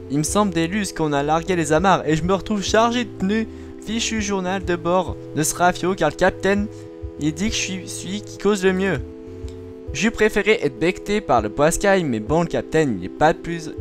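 A man voicing a rough, fearful pirate sailor who reads his ship's log aloud in old slang, with music playing behind. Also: a little high, lightly acted. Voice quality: put-on rough sailor's voice, raised and gruff.

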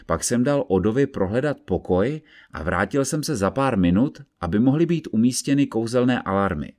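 A man voicing a calm, methodical investigator who explains his reasoning step by step in an audiobook reading. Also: medium pitch, lightly acted. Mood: measured.

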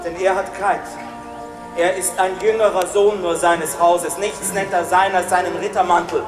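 A woman's voice: mid-range voice, echoey room, big-room sound, lightly acted. A woman playing a middle-aged farmer's wife in an amateur reading of a verse play, coaxing and affectionate with joking asides. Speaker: amateur actor. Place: room at home.

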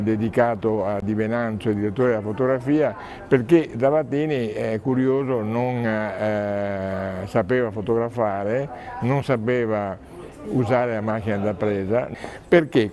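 A man being interviewed about an exhibition he curated, speaking reflectively and thinking aloud with pauses. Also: medium pitch, dark tone. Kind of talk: interview answer.

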